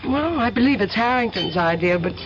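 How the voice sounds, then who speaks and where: A halting informant, high-pitched voice, dull old radio sound. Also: male voice, animated, noisy background. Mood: worried. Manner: hesitant, halting.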